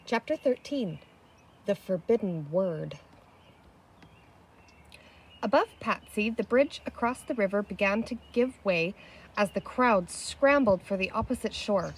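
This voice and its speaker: A woman with a medium-pitched, breathy voice reads a children's novel aloud outdoors, animated and unhurried, pausing often as she voices the characters' dialogue expressively. Birdsong, wind chimes and a barking dog sound in the background of the low-quality recording.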